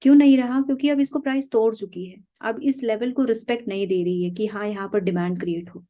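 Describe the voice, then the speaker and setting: Mellow woman teaching chart trading. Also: fairly high pitch, fast. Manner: patient, repeats "okay" and asks herself questions. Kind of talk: explaining trading concepts over charts.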